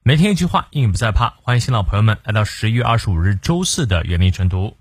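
A man's voice: on the low side, sing-song, fast talker, husky, no room sound, clean studio sound. A man teaching a morning English lesson, explaining a quote word by word.

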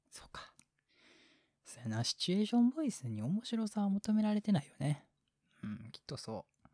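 Male, Kansai accent, husky mid-pitched voice, whispered role-play chat as a boyfriend, rambling and self-amused, dry close mic. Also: a little mellow, no room sound. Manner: rambling, laughs often, half-whispered asides. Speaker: boyfriend in a situation voice.

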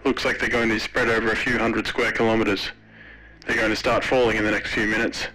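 Man playing a male shore commander, radio filter, terse, flat delivery, bright edgy tone. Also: fairly low pitch, quick pace, low-quality recording. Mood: matter-of-fact.

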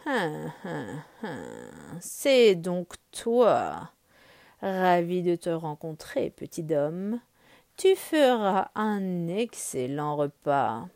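Woman putting on a slow, menacing tiger. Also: big pitch swings, vocal fry, a little mellow, no echo, clean studio sound, exaggerated voice. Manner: slow, low, drawn-out purring threat.

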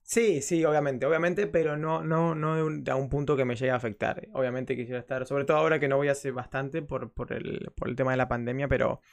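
A man, hosting a casual interview and halting over his words, repeating them as he starts sentences. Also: mid-range voice, fairly even intonation, gravelly. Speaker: interview host.

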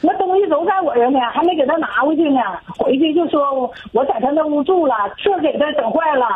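A woman's voice: high-pitched, brisk. A woman in her sixties with a Northeastern Chinese accent, calling in and complaining fretfully about her father. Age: 60s. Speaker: caller. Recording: phone-line call-in audio.

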